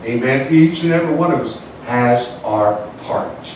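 Man, pastor, call-and-response sermon, soft lows and shouted highs, far from mic, faint background noise. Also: moderate pace. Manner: call-and-response, punctuates lines with "amen" and "come on, church"; swings from soft and low to shouted and high. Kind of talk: evangelical sermon. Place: church sanctuary, indoors. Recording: echoey church sound from far off, faint noise.

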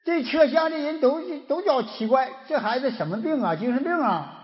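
Northeastern Mandarin man, folk-healer lecturer, very high and lively voice, dull recording, long hall reverb. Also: normal speed. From Northeast China. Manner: animated storyteller who acts out dialogue. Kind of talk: storytelling lecture.

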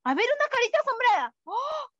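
A woman's voice: very high-pitched, animated, slow pace, sharp tone, no echo, lo-fi sound. A woman teaching an online class to small children, in an exaggerated, affectionate sing-song manner. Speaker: preschool teacher.

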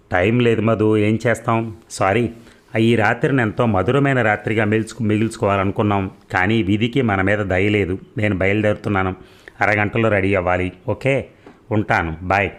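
Storybook reading: a man voicing a smooth young lover on the phone, hurried and intimate. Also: lowish voice, a bit bright, natural voice.

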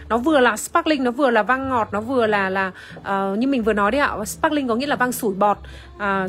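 A woman's voice: fairly high pitch, a bit bright. A woman presenting wine on a phone livestream in casual chat, full of fillers and greeting viewers by name. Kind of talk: casual livestream product demo. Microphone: phone camera, iPhone.

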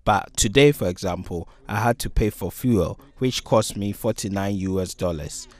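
A man's voice: fairly low pitch, moderate pace, a little mellow. A young man, a fisherman, speaking plainly in an outdoor interview on a beach. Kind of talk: interview answers.

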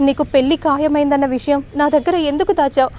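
A woman's voice: sits high, fairly even intonation, fast talker, darkish tone, natural voice. A woman voicing a young man who presses his lover for an answer, insistent and questioning.

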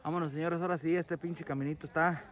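A man's voice: on the high side, fairly even intonation, fast, crowd noise. A Mexican man vlogging on the road, joking around in crude slang outdoors. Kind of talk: casual vlog on the road. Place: outdoors on a roadside. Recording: outdoor noise with traffic.

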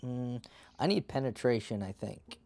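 A man's voice: mid-range voice, measured pace, creaky. Laid-back man streaming a team game. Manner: relaxed, laid-back calls with swearing and laughs. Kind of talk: casual gameplay chat.

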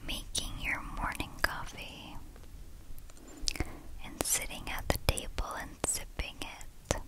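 A woman gives a whispered ASMR pep talk of positive affirmations in a clicky, breathy whisper, repeating soothing, encouraging phrases. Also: rough recording. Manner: slow, repetitive, soothing encouragement. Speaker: ASMR host.

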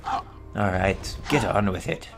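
A man's voice: low-pitched, slow pace, noisy background. A man giving casual, sweary gameplay commentary, chuckling and talking to himself as he plays. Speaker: let's play gamer.

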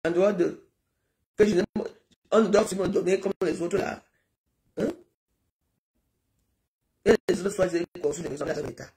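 A woman's voice: fairly low pitch, normal speed, long pauses, warm tone. A middle-aged woman from Cameroon, talking in a rambling, pleading live-stream monologue that repeats itself.

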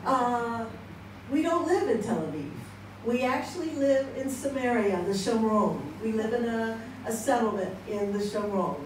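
An expressive, slightly high, unhurried voice belongs to this American woman in her sixties, a conference speaker sharing personal stories in a church hall with an audience. Seated with a handheld mic and filmed from across the room, she's chatty, laughs often, and acts out quoted exchanges, heard from far off in an echoey hall with background noise.

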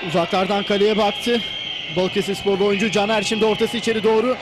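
A man's voice: sits high, little pitch movement, quick pace. A man giving live play-by-play football commentary. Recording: noisy stadium broadcast with loud crowd. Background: loud crowd and stadium noise.

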